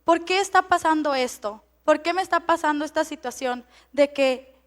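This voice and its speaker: A high-pitched, middle-aged woman preaching. She talks in a chatty, storytelling way and laughs often. Her sentences stumble and restart as she addresses her congregation. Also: normal speed. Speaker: pastor. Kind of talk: sermon with personal story.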